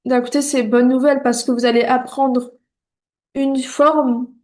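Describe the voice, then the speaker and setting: A woman's voice: high voice, little pitch movement, a little mellow. A woman teaching beginners to read, patient and reassuring, sounding out syllables one at a time and checking in often. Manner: patient, repeats syllables slowly and clearly. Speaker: Arabic reading teacher. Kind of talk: beginner lesson.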